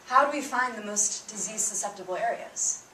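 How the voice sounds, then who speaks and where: In a medium-pitched, expressive voice that sounds pushed and bright, a young woman student, a native Bengali speaker, gives a prepared public talk fairly quickly. She's earnest and emphatic and rises in pitch on each point's opening. A distant mic gives roomy sound with a little hiss or hum.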